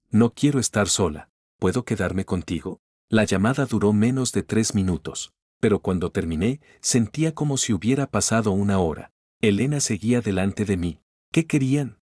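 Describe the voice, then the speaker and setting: A man narrating a scripted first-person story in a calm, even manner. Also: lowish voice, no echo, studio quality.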